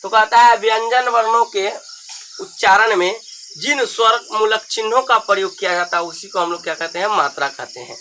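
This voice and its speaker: A man teaching a grammar lesson, explaining slowly and pointing at symbols one by one. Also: high voice, fairly even intonation, bright, forceful tone. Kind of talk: Hindi grammar lesson at a board. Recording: noisy background with insects.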